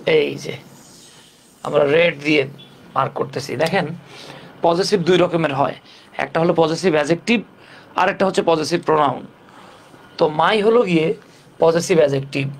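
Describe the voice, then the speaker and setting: A man teaching English grammar in a casual, step-by-step way, asking rhetorical questions and joking in colloquial speech. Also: a little high. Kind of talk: casual classroom lesson.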